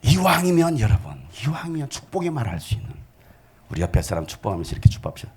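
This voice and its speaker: A male pastor preaching a sermon at a church service, animated and speaking straight to the congregation. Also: a little high, racing, breathy edge.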